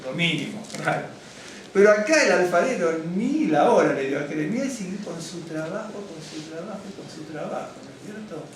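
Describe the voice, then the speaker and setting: Echoey rabbi preaching in a synagogue hall. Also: male voice, a little high, normal speed, slight background noise. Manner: lively, digressive, asks "¿no es cierto?" often; addresses congregation directly, gets excited. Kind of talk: conversational sermon teaching. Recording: very echoey hall, mic at a distance, faint ambience.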